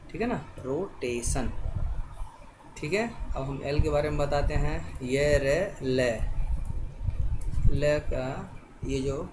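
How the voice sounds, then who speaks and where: A man teaching a spelling lesson, spelling words out letter by letter and often pausing to check that the viewer is following. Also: fairly high pitch. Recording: noisy background hiss.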